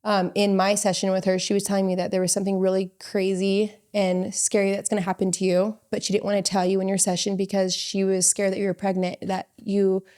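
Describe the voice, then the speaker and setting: A woman's voice: mid-range voice, monotone, fairly quick, hardly any pauses, a little mellow. A woman hosting a podcast, talking earnestly and at length in a heartfelt conversation. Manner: earnest, rambling with fillers. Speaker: podcast host.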